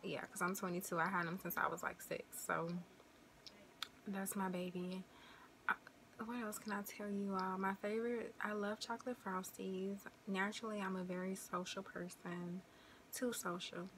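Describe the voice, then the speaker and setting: A friendly Midwestern woman in her twenties vlogs casually to camera, rambling with lots of fillers and saying "y'all" and "you know." Her medium-pitched voice is a bit bright with little pitch movement and a moderate pace, over slight background noise.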